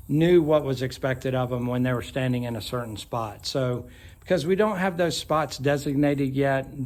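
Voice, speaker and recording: A man talking casually and matter-of-factly to viewers outdoors as he drives horses, in an unhurried way. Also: medium pitch. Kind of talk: casual vlog talk. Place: outdoors, driving a horse team. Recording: very loud outdoor noise with clip-clopping hooves. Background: horse hooves, loud ambient noise.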